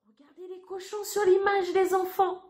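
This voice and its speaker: A woman's voice: very high voice, level tone, normal speed, a little mellow. A woman telling a Bible story to children, talking to them directly, with knocking and sing-song sound effects.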